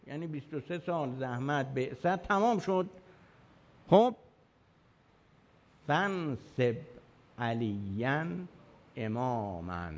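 Emphatic man lecturing on scripture. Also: on the high side. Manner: emphatic, counts points aloud; argumentative, rhetorical questions. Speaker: religious lecturer. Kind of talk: religious lecture.

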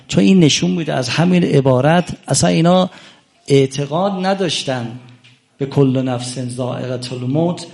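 Gravelly impassioned male preacher. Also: mid-range voice. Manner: impassioned, swings between loud exclamations and hushed asides. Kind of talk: religious sermon.

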